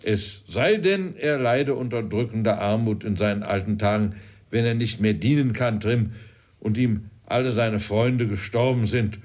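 A man voicing a gentle, generous retired male army officer who speaks earnestly in a storybook reading. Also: lowish voice, measured pace, close to an everyday voice.

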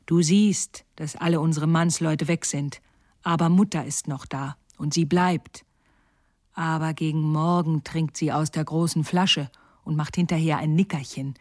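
A woman's voice: deep voice, steady tone, a little slow, dry recording, clean studio sound. A woman voicing a wild, fierce little robber girl in a storybook, blunt and teasing, at times whispering.

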